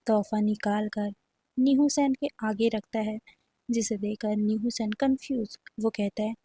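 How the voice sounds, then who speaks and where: A woman's voice: medium pitch, mellow, husky, no echo. A woman narrating a fan fiction story in a casual storytelling manner, mixing in English words.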